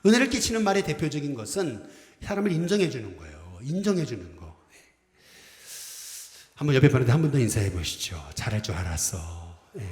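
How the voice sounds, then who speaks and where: A man's voice: fairly high pitch, fast talker, long pauses. A middle-aged man preaching a Sunday sermon as senior pastor, leading the congregation in call-and-response greetings. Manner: lively, acts out quoted phrases. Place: church sanctuary. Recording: echoey church hall with long reverb.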